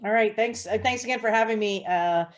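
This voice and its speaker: A woman from Hawaii, a head college softball coach, answering interview questions in an earnest, steady way with frequent fillers. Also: mid-range voice, brisk.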